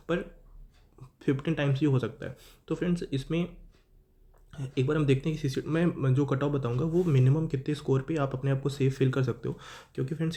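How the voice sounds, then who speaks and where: A man's voice: medium pitch, warm tone. A young man, casually explaining exam cutoffs to students and often correcting himself. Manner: conversational, keeps saying "friends", self-correcting. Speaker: exam-prep YouTuber.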